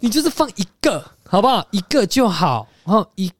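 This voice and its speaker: A man chatting casually, telling animated stories and acting out the dialogue. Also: high voice, a little fast, no room sound, studio quality. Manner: animated storytelling, acts out dialogue, laughs often. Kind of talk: casual chat.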